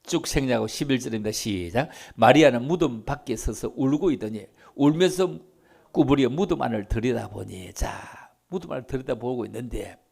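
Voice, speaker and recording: A male pastor preaching an Easter sermon in a church, swinging from loud, stirring lines to near whispers and repeating his key phrases. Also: mid-range voice, brisk, vocal fry, slightly rough. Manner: acts out quoted voices and repeats key phrases. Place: church sanctuary.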